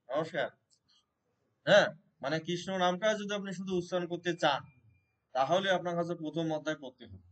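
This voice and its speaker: Male Gita teacher, fairly high voice, patient questioning delivery at a temple class. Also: rough recording. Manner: explains by questioning listeners, repeats and restarts. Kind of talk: devotional scripture class. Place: Shiva temple gathering.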